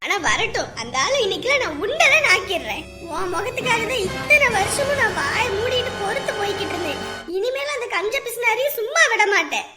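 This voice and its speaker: A woman's voice: extremely high pitch, normal speed, over music. An actress playing a middle-aged woman who angrily scolds her relative in a family drama. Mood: indignant. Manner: scolding, confrontational, tearful. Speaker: angry elder sister-in-law in a family drama. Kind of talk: web series drama acting.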